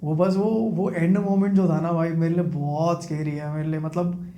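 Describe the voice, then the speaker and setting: A man's voice: fairly high pitch, steady tone. Young man telling a painful memory. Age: 20s. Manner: quiet, halting, repeats himself. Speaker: guest. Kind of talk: emotional personal storytelling. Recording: roomy echo.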